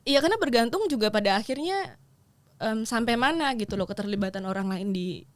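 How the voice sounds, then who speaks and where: A woman's voice: a little high, animated, fairly quick, no room sound. A woman in her thirties from Yogyakarta, a business founder chatting as a podcast guest and slipping English phrases into her talk. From Yogyakarta, Indonesia. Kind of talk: casual interview chat.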